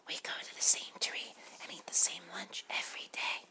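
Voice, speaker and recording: A man voicing a group of gentle, habit-bound butterflies in a breathy whisper. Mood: hushed. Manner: breathy unvoiced whisper, soft and slow.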